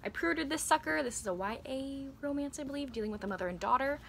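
A woman's voice: sits high, animated, fast, gravelly, fairly bright tone, a little hiss or hum. A woman, chatting casually and giggling often in a reading vlog filmed in her bedroom. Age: 20s. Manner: chatty and giggly, with frequent laughs and fillers. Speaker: book vlogger. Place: cluttered bedroom with bookcases, indoors.

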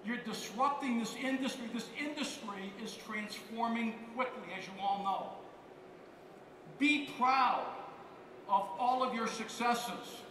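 Guy in his 50s doing a fired-up keynote, sharp voice, sounds far from the mic. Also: extremely high pitch, slight background noise. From United States. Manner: emphatic, repeats key phrases. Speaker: keynote speaker. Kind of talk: motivational keynote speech. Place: large conference hall on stage. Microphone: headset mic. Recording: roomy hall reverb, heard from far off.

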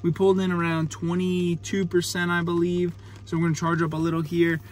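A young man in his twenties casually narrates his road trip vlog, explaining things as he films, first inside his car at night and then outdoors at a charging station in the rain. His voice sits high, and he talks briskly with a completely flat delivery.

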